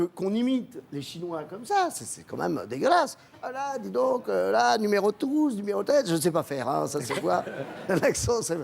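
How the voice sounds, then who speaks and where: A male comedian chatting as a talk-show guest, lively and digressive, full of quick self-mocking asides. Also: high voice, creaky, slightly rough. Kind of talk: animated talk-show chat.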